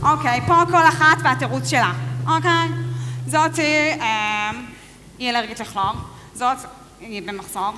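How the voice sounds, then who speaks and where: A woman's voice: high-pitched, bright, forceful tone, slight background noise. An actress playing a chatty tour guide who hurries her group along. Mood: brisk. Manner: brisk, hurrying the group along. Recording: long reverb, faint clicks.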